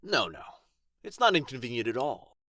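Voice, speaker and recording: In a fantasy ASMR roleplay, a man voices a proud, haughty male dragon who is injured, grudgingly grateful and teasingly possessive, using archly formal, theatrical phrasing. His mid-range voice is bright, forceful and very animated at a moderate pace, with the mood softening into gratitude. The studio-quality recording has no room sound.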